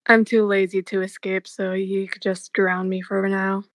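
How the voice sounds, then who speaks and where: A woman speaking on a video call, groggy from just waking up, low-key and mumbling as a convention staff head. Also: level tone, normal speed, no echo. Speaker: artist alley staff head. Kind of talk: casual online call chat.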